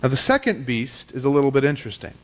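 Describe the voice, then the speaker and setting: A man's voice: medium pitch, very animated, quick pace. Male pastor at a pulpit microphone, teaching-style sermon, casual and explanatory. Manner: explanatory, conversational with fillers. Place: church sanctuary.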